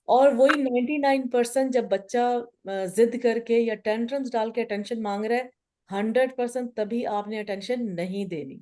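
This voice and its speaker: A woman's voice: fairly high pitch, warm tone. A middle-aged woman, hosting a casual group talk on parenting. She explains with personal stories and slips in English phrases.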